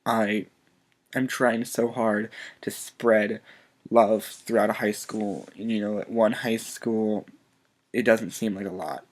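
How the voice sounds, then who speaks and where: A man vlogger speaking softly and earnestly in an emotional personal video message, halting as he fights back tears. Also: lowish voice, little pitch movement. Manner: soft-spoken.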